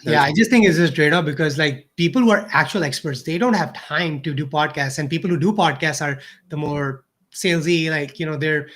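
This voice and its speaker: A man's voice: fairly high pitch, fairly quick, hardly any pauses, fairly bright tone. A man co-hosting a casual livestream chat, offering helpful tips with hesitant uhs. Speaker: co-host.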